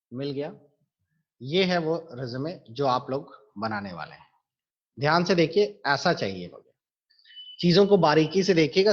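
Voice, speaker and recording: Hindi-speaking man teaching software, slightly high voice. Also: muffled recording. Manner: patient, explains step by step to students. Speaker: computer teacher. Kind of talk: screen-recorded software lesson.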